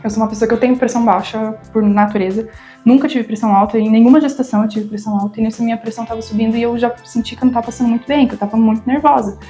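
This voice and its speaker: A woman's voice: on the high side, fairly even intonation, rapid-fire, dark tone, faint music behind. A woman in her thirties with a Brazilian Portuguese accent, telling her own story to camera in a vlog, emotional and stammering at times, acting out the voices of the people she quotes. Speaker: vlogger.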